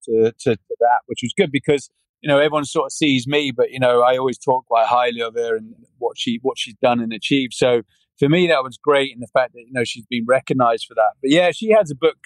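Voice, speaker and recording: A podcast guest, a British man in his forties, speaks a little fast in a medium-pitched voice during a casual interview. He rambles, restarts a lot and frequently says "yeah" and "you know." The recording is dry and low in quality.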